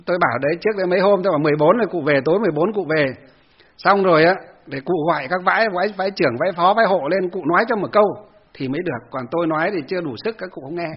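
Husky-voiced monk. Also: male voice, high-pitched, rapid-fire, lo-fi sound. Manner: storytelling, conversational, acts out quotes. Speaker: Buddhist monk. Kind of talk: dharma talk to lay Buddhists.

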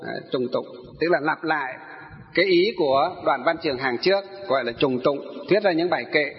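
Speaking fairly quickly in a high voice, a man lecturing on a sutra as a Buddhist teacher asks rhetorical questions, then supplies the answers. The sound is muffled and dull, with a long reverb tail suggesting a large hall.

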